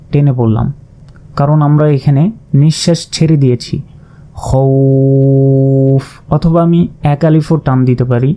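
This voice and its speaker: A man teaching Quran recitation in a slow, methodical lesson, spelling out letters and vowel marks, then drawing out each word. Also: a little high, mellow. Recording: dull lo-fi recording.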